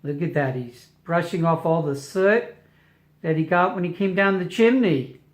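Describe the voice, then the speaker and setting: An older person reads a storybook aloud to a baby at normal speed and medium pitch, warm and playful, with emphatic delivery and chatty asides. This family member is recorded at home in a roomy space with echo.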